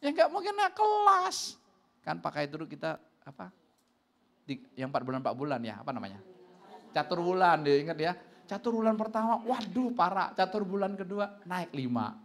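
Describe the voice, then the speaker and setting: Pastor guy preaching, highish voice, tells stories, laughs a lot, jumps way up for quotes. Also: brisk. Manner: animated storytelling, jumps high for quoted voices; laughs between lines. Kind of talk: sermon.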